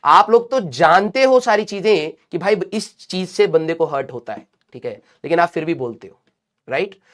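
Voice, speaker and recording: Though sick and talking slowly, this animated male teacher still lectures his live class and scolds students, addressing them as "beta." His voice is fairly high and fairly bright, with a Hindi accent.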